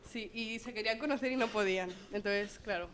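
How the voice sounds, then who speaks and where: A teenage girl, a student guest on a podcast, chatting casually and agreeably. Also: mid-range voice. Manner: agreeable, quick to say yes. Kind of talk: casual chat.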